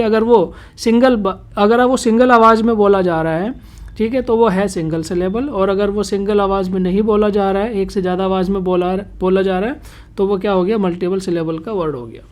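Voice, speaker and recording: A woman's voice: mid-range voice, a little mellow. Woman English tutor, exam-prep lesson, rhetorical question-and-answer delivery. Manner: asks rhetorical questions and answers them herself; repeats "theek hai" as a check-in. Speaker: English teacher.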